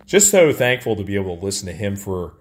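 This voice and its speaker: He talks fast and sounds very animated, his voice on the lowish side. The speaker, a radio soccer play-by-play announcer from St. Louis, is a casual, candid interview guest telling personal anecdotes, with clear stadium radio-booth ambience around him.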